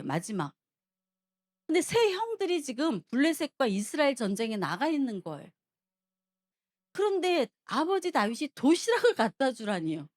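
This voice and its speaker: A woman preacher giving a sermon, retelling a story with animated storytelling and asking the congregation questions. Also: high-pitched.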